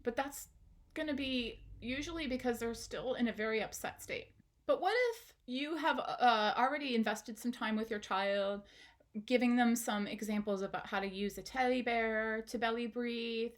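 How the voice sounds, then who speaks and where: Higher-voiced woman teaching parents. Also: normal speed. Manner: asks the viewer questions, encouraging and direct. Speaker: parenting educator. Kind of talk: instructional video talk.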